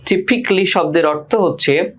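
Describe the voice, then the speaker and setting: A man's voice: high voice, measured pace, slightly rough. A man with a Bangladeshi accent teaching an English lesson to exam students, repeating key words and asking and answering his own questions.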